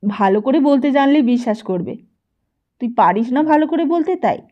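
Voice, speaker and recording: A woman voicing a poor, anxious mother who begs and scolds her son in a high, strained voice. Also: animated, normal speed, highs cut off. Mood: pleading. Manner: pleading, raised scolding voice.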